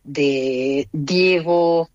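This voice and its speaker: A woman's voice: sits low, a little mellow, muffled recording. A middle-aged Argentine woman with an Argentine Spanish accent, talking as an interview guest from abroad, hesitant and full of restarts. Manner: hesitant, halting, many restarts.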